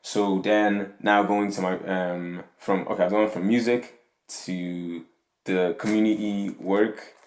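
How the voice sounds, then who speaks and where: A deep-voiced young Nigerian man hosts a podcast, rambling slowly and flatly in an echoey space, his mood a little mellow. The casual monologue covers faith and community, punctuated by "yeah?" and "you know what I'm saying."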